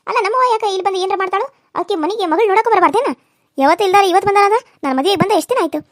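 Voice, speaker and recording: Woman voicing a shrill young cartoon daughter-in-law. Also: no room sound, studio quality. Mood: protesting. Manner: argumentative, pleading, quick protesting. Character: young village wife, defiant and scheming daughter-in-law. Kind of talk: cartoon serial voice acting.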